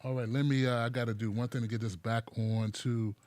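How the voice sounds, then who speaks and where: A man hosting a call-in show, heard through a caller's phone speaker, brisk as he juggles the call setup. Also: medium pitch, little pitch movement, a little mellow, no echo.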